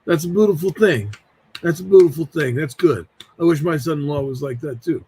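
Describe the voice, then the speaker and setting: A man's voice: a little high, brisk, darkish tone, breathy edge. A man voicing a stern, serious older Italian-American uncle who questions bluntly, a little distant from the mic. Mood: approving.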